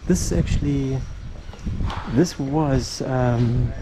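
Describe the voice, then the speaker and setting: Halting, rambling male travel vlogger. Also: medium pitch, noisy background. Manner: halting and rambling, full of ums. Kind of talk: casual travel vlog narration.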